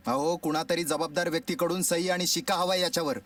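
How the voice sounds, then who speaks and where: A man's voice: on the high side, fairly even intonation, fast talker, fairly bright tone, close to an everyday voice. An actor playing a brusque male office clerk who turns people away curtly. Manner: curt, bureaucratic. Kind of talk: film acting. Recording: distant mic with background music.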